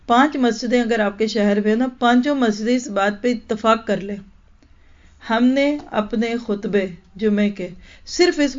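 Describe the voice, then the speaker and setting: A woman teaching in a Quran lecture, explaining verses emphatically and asking the listeners rhetorical questions. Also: mid-range voice. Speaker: Islamic teacher. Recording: dull lo-fi recording.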